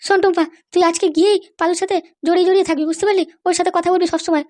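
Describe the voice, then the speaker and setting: A woman's voice: extremely high pitch, steady tone, very fast, a little mellow, no room sound. A woman voicing a bossy cartoon mother who scolds her husband. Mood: scheming. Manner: nagging, scolding. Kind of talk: cartoon voice acting.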